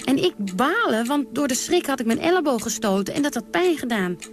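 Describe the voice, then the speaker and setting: A woman's voice: high-pitched, expressive, a little fast, faint music behind. An actress playing a brash, defiant woman who tells of her wild nights in a theatrical radio monologue, blunt and dry with sudden outbursts.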